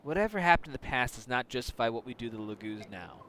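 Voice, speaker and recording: A man's voice: mid-range voice, animated, fast talker, a bit bright, slight background noise, pitched below the performer's own voice, lightly acted. A man voicing an earnest young male mercenary hero, speaking sincerely and searchingly. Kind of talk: reading game dialogue aloud.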